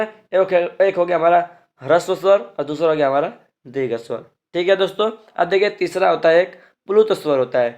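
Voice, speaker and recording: Pitched slightly higher than a typical man's voice, this teacher lectures on grammar with patience, going over every point twice. He keeps checking in with his viewers through "ठीक है ना" and "दोस्तों" and slowly draws out the vowels he demonstrates.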